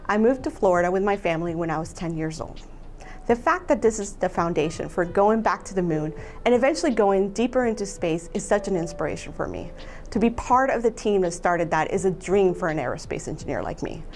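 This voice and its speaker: A woman from Colombia, an aerospace engineer, giving a measured, earnest scripted statement. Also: medium pitch, expressive, a little mellow, slight background noise.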